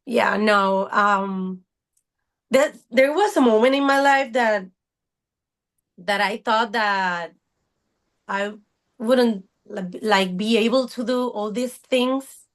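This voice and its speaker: A woman's voice: medium pitch, slow pace, pauses often. A woman in her thirties, a guest on a podcast, speaking earnestly and searching for her words. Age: 30s. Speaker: podcast guest, fitness coach. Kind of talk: casual interview talk.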